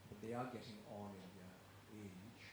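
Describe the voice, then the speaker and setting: A man from Malaysia asking a question from the floor of a talk, polite and a little halting, his voice low. The room echoes heavily and there is clear background noise. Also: fairly even intonation. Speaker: audience member asking a question. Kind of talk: audience question.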